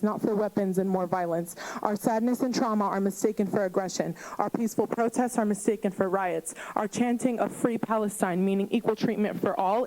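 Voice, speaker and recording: A woman of medium pitch stands at a podium microphone in a city council chamber and reads a prepared public comment. Her delivery is earnest and steady, with an impassioned edge running underneath. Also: poor audio.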